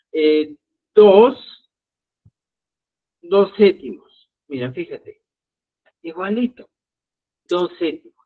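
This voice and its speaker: A man teaching a live Quechua language lesson, explaining step by step and checking in with his students. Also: a little high. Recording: tinny phone-like live stream audio.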